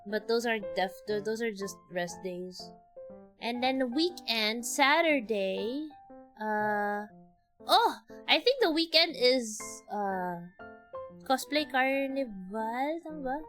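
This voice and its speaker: Animated and slow, with a voice on the high side, a Filipino-accented woman streams games and chats loosely with viewers. She rambles and lets sentences trail off over background game music.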